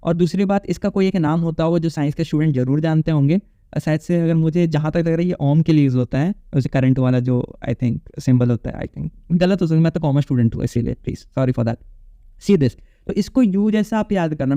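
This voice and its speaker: A man's voice: fairly high pitch, brisk, warm tone, no echo, highs cut off. A male English teacher giving a casual exam-prep phonetics lecture, repeating points and checking in with his students. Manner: casual, repetitive, checks in with "okay?".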